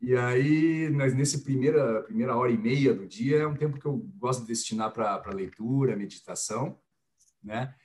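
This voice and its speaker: A man in his forties with a Curitiba Brazilian Portuguese accent talks in a relaxed, friendly way as a podcast guest. His voice sits at a middle pitch, and he speaks in a loose, chatty manner. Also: moderate pace. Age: 40s. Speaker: podcast guest, business executive. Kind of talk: casual podcast chat.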